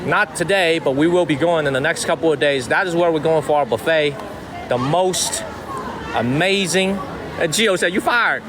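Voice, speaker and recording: A man's voice: a little high, normal speed, crowd noise. A man hosting a live vlog outdoors, chatting on in a rambling way and repeating his phrases for emphasis. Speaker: live stream host. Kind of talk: live vlog street chat. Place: outdoors on a busy city street. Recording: noisy outdoor city street with traffic.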